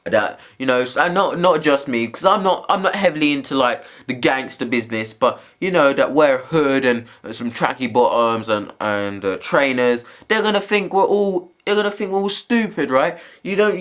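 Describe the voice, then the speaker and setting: A young man rants into his camera in a home video blog. His voice sits a little high for a man, and he piles up repeated phrases in quick bursts. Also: lively intonation, fairly bright tone. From England. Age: young adult. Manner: heated, repetitive, rapid-fire rant.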